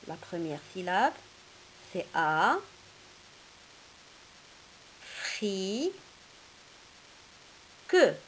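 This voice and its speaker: A woman's voice: medium pitch, a little hiss or hum, rough recording. A woman teaching a kindergarten reading lesson, patiently sounding out letters and syllables one by one and praising the children.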